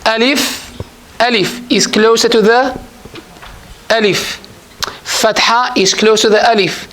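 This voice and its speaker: A man's voice: very high voice, fairly even intonation, slow pace, sharp tone, slight background noise, poor audio. A man teaching an Arabic grammar class at a mosque, patient and repetitive, often quizzing his students. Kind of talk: classroom lesson.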